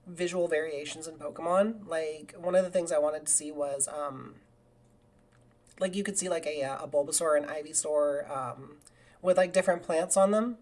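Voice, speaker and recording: Rambling through her live game stream, a woman whose voice sits a bit low for a woman chats casually and occasionally erupts into excited cheers.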